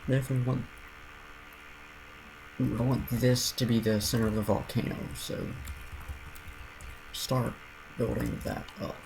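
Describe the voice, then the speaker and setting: A man streaming a building game, giving casual commentary and rambling aloud with frequent restarts and soft trailing mutters. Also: mid-range voice, flat delivery, a little slow, creaky, long pauses, noisy background.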